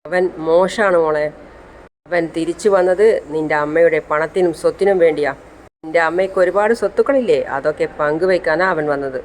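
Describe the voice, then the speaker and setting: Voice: mid-range voice, fairly quick, a little hiss or hum, natural voice, rough recording. A storyteller voicing an old grandmother coaxing her granddaughter. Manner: coaxing, confiding. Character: scheming soft-spoken grandmother.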